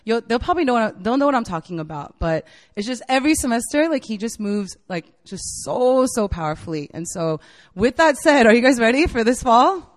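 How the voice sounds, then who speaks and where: Here the late-twenties campus minister from Virginia, United States, sounds sing-song and brisk, her pitch fairly high, in what sounds like a large hall. She delivers a casual, enthusiastic sermon to college students in a university meeting room, filling it with "like" and "right?" in a chatty way.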